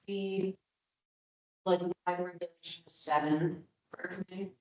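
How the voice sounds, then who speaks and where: Distant soft-spoken woman in a roomy hall. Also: on the low side, steady tone, measured pace. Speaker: meeting attendee. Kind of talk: casual meeting talk.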